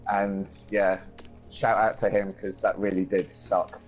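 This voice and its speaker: A man's voice: deep voice, flat delivery, unhurried, lo-fi sound, soft background music. A man, a league driver, answering a post-race interview in a laid-back, casual way.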